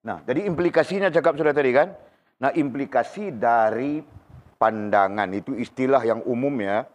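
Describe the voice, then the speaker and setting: A man's voice: mid-range voice, moderate pace. Man teaching a religious class. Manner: conversational, questions students by name, frequent tag questions. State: unwell, in pain while talking. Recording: dull lo-fi recording.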